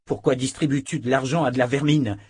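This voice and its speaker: A man's voice: mid-range voice, steady tone, a little fast, darkish tone, husky, no echo, pitched above the performer's own voice, close to an everyday voice. A man voicing a hot-tempered young swordsman who speaks bluntly. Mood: angry. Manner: blunt, angry.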